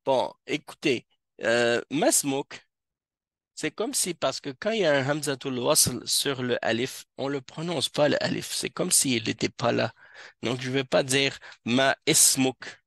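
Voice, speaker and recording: A man teaching Arabic grammar to a class, explaining slowly with frequent hesitations. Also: medium pitch, lively intonation, gravelly, fairly bright tone, no room sound, clean studio sound. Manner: slow, hesitant explaining with many fillers. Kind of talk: classroom lesson. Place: mosque classroom.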